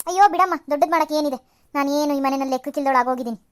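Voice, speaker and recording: A woman's voice: high voice, rapid-fire, lightly acted. A woman voicing a nagging, self-pitying old mother-in-law in a cartoon serial, scolding and complaining with heavy sighs. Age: older. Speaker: cartoon voice actor.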